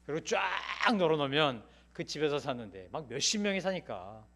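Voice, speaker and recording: A middle-aged man preaching a Sunday sermon in a church, telling personal stories and swinging from loud pleading to hushed asides. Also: fairly high pitch, expressive, normal speed. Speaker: pastor. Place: church sanctuary.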